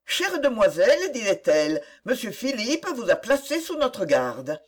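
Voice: mid-range voice, huge pitch swings, unhurried. A reader voicing Madame Reed, a tender, motherly older woman who speaks in a soothing, coaxing way. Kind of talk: audiobook character voice.

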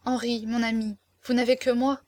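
An imploring young woman, tender and close to tears, as a woman reader puts her on, her voice lifting higher as she pleads. The reading is dry and close, with no room around it, in the manner of a storybook told aloud. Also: little pitch movement, moderate pace, a little mellow, no room sound, close to an everyday voice. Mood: wistful. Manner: emotional, imploring, tearful. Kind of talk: audiobook character reading.

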